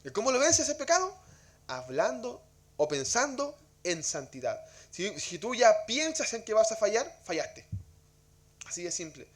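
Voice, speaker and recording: High-voiced man teaching Bible class. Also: sing-song, a little slow. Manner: conversational, rhetorical questions, repeats words. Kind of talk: church Bible study teaching.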